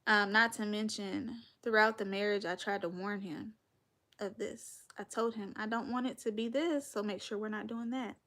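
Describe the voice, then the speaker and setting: A woman's voice: medium pitch, steady tone, normal speed, fairly bright tone. A woman in her thirties with a North Carolina Southern accent, hosting a casual podcast livestream and chatting directly with viewers, calling them y'all. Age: 30s. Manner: chatty, addresses viewers as y'all, laughs often. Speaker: podcast host.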